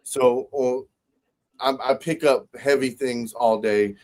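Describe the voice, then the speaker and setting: A man in his thirties appears as a guest on a casual podcast, chatting loosely, laughing often and stumbling over repeated words. His medium-pitched voice is steady, slow and darkish in tone.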